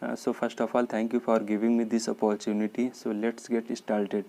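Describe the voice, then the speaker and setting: Guy from uttar pradesh starting his speech, mellow low-key voice, real slow. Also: little pitch movement. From Uttar Pradesh, India. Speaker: student giving a speech. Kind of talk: recited practice speech.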